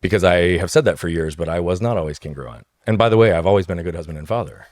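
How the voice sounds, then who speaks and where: A man's voice: deep voice, quick pace, a little mellow, dry recording, clean studio sound. A man speaking as a guest on an interview podcast, telling his story emphatically and often checking in with "right?". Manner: emphatic, tags points with "right?".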